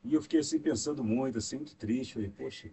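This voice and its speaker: A man's voice: medium pitch, very animated, quick pace, vocal fry, mellow. A Brazilian man co-hosting a podcast speaks devoutly and rambles, leaning on frequent fillers. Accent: Brazilian Portuguese. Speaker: podcast co-host. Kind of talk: devout casual conversation. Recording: distant mic with faint noise.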